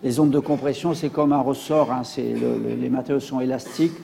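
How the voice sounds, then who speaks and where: A man's voice: mid-range voice, fairly even intonation, fairly quick, gravelly, long reverb tail. A man giving a public science lecture with slides, hesitant, with many fillers and restarts.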